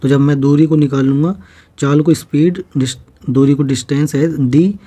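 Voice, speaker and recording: A man with a slightly high, husky, dark voice teaches an exam-prep math lesson in a Hindi-speaking North Indian accent, keeping a steady tone at normal speed. He explains each problem step by step and patiently checks in with his students.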